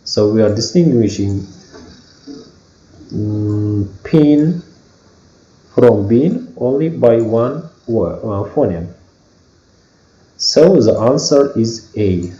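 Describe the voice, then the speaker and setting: A man with an Uzbek accent teaching an English phonology lesson, slowly explaining with many fillers and restarts. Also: lowish voice, expressive, mellow. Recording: echoey room, dull lo-fi sound.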